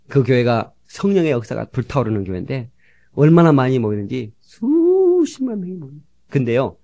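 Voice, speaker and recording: A middle-aged male pastor preaching a fervent sermon, shifting from soft asides to sudden shouts and acting out the people he quotes, on an old cassette tape recording. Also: mid-range voice.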